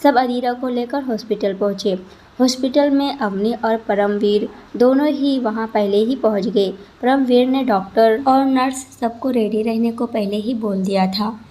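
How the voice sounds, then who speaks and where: A woman narrating a scripted story as a storyteller, in an even, expressive manner. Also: a little high, a little slow.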